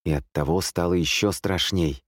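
A man narrating an audiobook thriller in a steady, suspenseful reading. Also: deep voice, moderate pace, dry recording, studio quality. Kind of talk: scripted narration.

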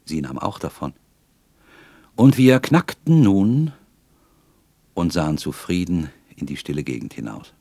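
A low-voiced man reads a literary tale aloud with expressive, unhurried storytelling. His pitch rises and falls in lively arcs, and the sound is close and dry. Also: creaky, no echo. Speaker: audiobook reader. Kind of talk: scripted literary narration.

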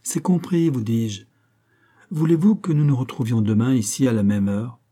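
A man's voice: medium pitch, normal speed, warm tone, breathy edge, close to an everyday voice. Fouinard, a man reading a wry young detective. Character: young male actor-detective, cheeky and shrewd.

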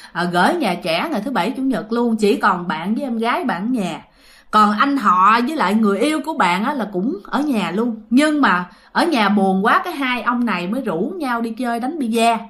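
Southern Vietnamese woman, ghost story narrator, chatty, high voice. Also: a bit bright. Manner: chatty, addresses listeners directly. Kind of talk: casual storytelling.

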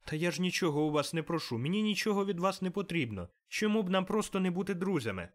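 A man voicing Scrooge's cheerful, warm-hearted young nephew in an audiobook, with an eager, pleading tone. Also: sits high, lively intonation, fast, voice pushed up. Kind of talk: audiobook character reading.

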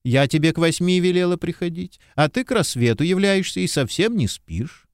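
A man's voice: high-pitched, animated, moderate pace, dry recording, clean studio sound, voice pushed up. A man doing a grumbling stout aunt. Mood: scolding. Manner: scolding, gruff. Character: stern stout older woman, grumbling.

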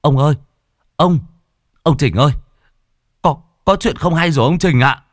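A man's voice: medium pitch, sing-song, fairly quick, no echo, clean studio sound, soft background music, pitched above the performer's own voice, natural voice. A man voicing a panicked young man who stammers out bad news, breathless.

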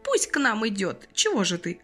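A woman's voice: mid-range voice, wildly swooping pitch, normal speed, a bit bright, faint music behind. A woman reading an audiobook, voicing a kind, emotional old man who used to be a train conductor, with a fussy, exclamatory manner. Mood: jovial.

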